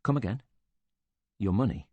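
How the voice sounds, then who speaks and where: A man voicing a calm male interviewer who asks measured, probing questions. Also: lowish voice, slightly rough, dry recording, phone-quality sound, pitched above the performer's own voice.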